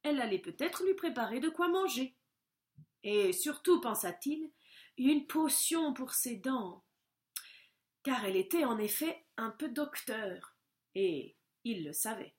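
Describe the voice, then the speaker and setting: A woman reading a children's storybook aloud in a gentle, measured, expressive way. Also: a little high.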